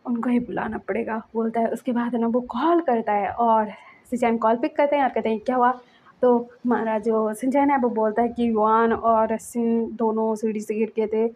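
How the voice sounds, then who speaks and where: A woman's voice: on the high side, a little mellow. A young woman casually narrating a fan-fiction story, chatty with filler words.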